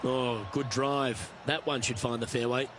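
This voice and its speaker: A man's voice: medium pitch, fairly even intonation, a little slow, heavy background noise, natural voice. A man working as a golf commentator, calling play shot by shot in a game broadcast. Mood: measured.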